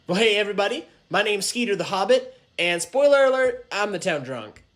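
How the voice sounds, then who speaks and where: A man's voice: high voice, expressive, fairly quick, fairly bright tone. A man playing a jolly, folksy hobbit town drunk in a fantasy role-play parody. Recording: roomy echo.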